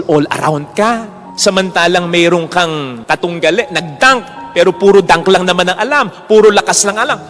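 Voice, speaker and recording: A man preaches a sermon, his high voice rising and falling as he acts out the people he quotes. The sound carries a long hall reverb, and soft music plays faintly behind him. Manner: animated preaching, mixing English quotes, acting out quoted voices. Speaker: priest.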